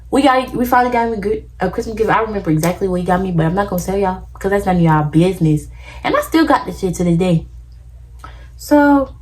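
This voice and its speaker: A young woman vlogger telling a casual storytime, acting out quotes and trailing off with filler sounds. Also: mid-range voice. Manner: animated, acts out quotes, many "da da da" fillers.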